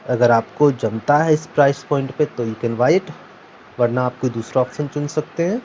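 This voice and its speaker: A tech reviewer casually tests a product for viewers, walking through each step and going over his points again. His voice is medium-pitched and slightly mellow, at a normal speed. The amateur recording is noisy and dull, with ambient sound in the background.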